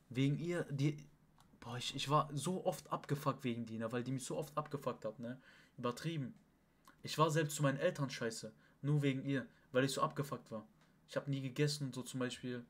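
A young man with speech rambles on in a casual stream chat. He talks in emphatic bursts, swearing oaths and restarting his sentences. His voice sits in a middle range. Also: medium pitch. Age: young adult. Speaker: livestream host. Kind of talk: casual venting to an online chat partner.

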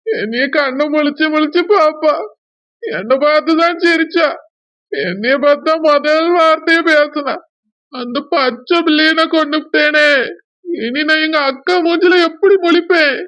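A woman's voice: sits high, unhurried, a bit bright, dry recording. A woman voicing a young village husband with a Kanyakumari accent, pleading and blaming himself in a village drama. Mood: grieving. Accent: Kanyakumari Tamil. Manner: pleading, self-blaming lament. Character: young village man, remorseful, tender to wife.

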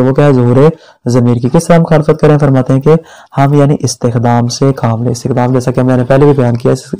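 Gravelly, dark-voiced male seminary teacher. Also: mid-range voice, poor audio. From Pakistan. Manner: reads Arabic text then explains it, asking himself questions. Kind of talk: religious law lecture.

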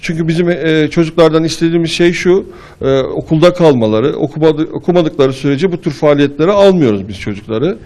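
A man giving a halting interview statement as the founder of a youth charity. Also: on the high side, a little mellow.

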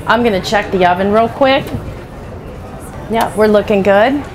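The background is noisy with crowd sound as a middle-aged woman chef, mic'd with a headset, cooks live at a trade show. Her mid-range voice moves a little slowly, and she stays chatty and practical, dropping "you know" into frequent asides.

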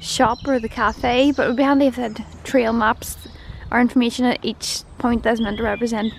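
A travel vlogger from Northern Ireland chats casually and enthusiastically as she walks through a woodland park, filmed on a handheld camera. Her voice is a little high and creaky, with a steady tone and a brisk pace. There's a faint hiss or hum on the recording.

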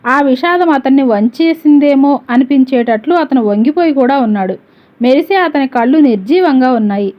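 High-voiced woman reading a novel aloud. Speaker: storyteller. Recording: dull lo-fi recording.

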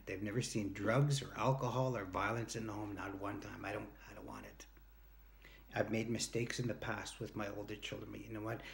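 This man's voice sits on the low side and sounds creaky. In his early fifties, he is a motivational speaker and workshop leader giving an earnest, emphatic talk to the camera, full of anecdotes and short acted-out quoted exchanges, recorded indoors in a sloped-ceiling home room on a phone or device at arm's length.

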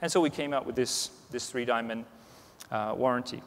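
A keynote speaker in his forties talks fairly quickly in a medium-pitched voice, with slight background noise. His conversational talk on the large stage has many restarts and plenty of "you know." The conference hall adds noticeable reverb.

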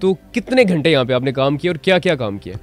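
Higher-voiced young man interviewing outdoors. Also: expressive, fast, faint music behind. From Pakistan. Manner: probing, asks short follow-up questions. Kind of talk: interview questions. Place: outdoor restaurant terrace. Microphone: handheld mic.

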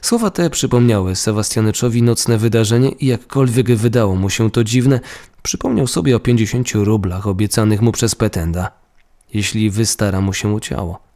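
A man narrating a ghost story in a calm, measured reading. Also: mid-range voice.

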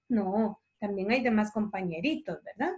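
A woman teaching a primary class over a video call, patient and affectionate, dictating words slowly and clearly. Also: mid-range voice, expressive, darkish tone.

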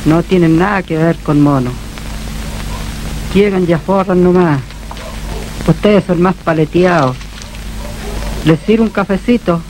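A folksy farmhand in a film drama, with a rural Chilean accent. His plain-spoken voice sits high, and there is clear background noise. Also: a little slow, pauses often, darkish tone, poor audio. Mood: friendly, complaining. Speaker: farm worker.

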